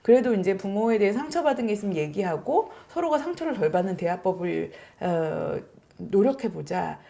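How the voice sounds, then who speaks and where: A woman co-hosting a casual discussion podcast, talking in an animated way and acting out family dialogue. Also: medium pitch, normal speed, vocal fry. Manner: animated, acts out family dialogue in quoted voices. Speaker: podcast co-host.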